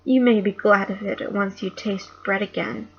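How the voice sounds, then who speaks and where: Woman playing a cold, imperious witch queen from a storybook, sharp and commanding; gravelly, with a dull lo-fi home-recording sound. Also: mid-range voice, steady tone, normal speed, a little hiss or hum, natural voice.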